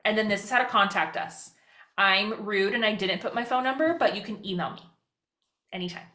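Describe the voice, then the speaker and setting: A woman talking very fast as she presents an informal social media webinar, chatty and given to self-deprecating asides. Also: medium pitch, pushed and bright. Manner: very fast, rapid-fire talking. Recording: roomy, echoing sound.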